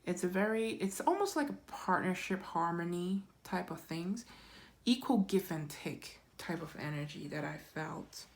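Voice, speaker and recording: Animated and lowish in pitch, a woman leads a pick-a-card tarot reading at a calm, reassuring pace. She frequently asks "right?" to check in and says "um" during pauses.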